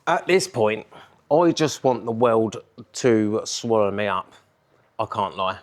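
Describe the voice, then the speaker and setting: A man with a fairly low voice talks through his own car build in a workshop. He rambles in a frank, casual vlog style and swears when things go wrong. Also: slow.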